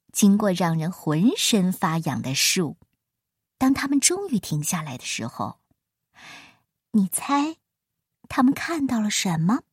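A woman reads a children's picture book aloud in a playful, expressive way, her voice swooping high and low. Her voice sits a little high and is recorded close and dry. Gentle music plays faintly underneath. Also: no room sound. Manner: playful, expressive, rising and falling voice. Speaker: storyteller.

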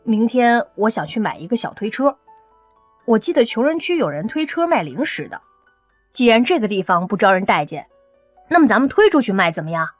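A woman's voice: fairly high pitch, big pitch swings, a little fast, no echo, soft background music. A woman voicing a feisty, easily irritated young woman in an audiobook. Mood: scheming. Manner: exasperated, snappy. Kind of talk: audiobook character voice.

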